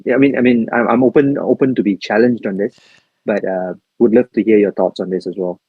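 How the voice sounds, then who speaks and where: A man's voice: lowish voice, steady tone, fairly quick, breathy edge, dry recording. A man from Malaysia, co-hosting a podcast in casual discussion and talking hesitantly with many fillers and restarts. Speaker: podcast co-host. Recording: muffled lo-fi podcast audio.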